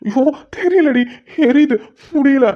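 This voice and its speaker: A woman's voice: high voice, measured pace. A woman voicing a young businessman husband in a cartoon, polite on calls and wailing when hurt. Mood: pained. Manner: pleading, wailing in pain. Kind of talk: cartoon voice acting. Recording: dull lo-fi sound.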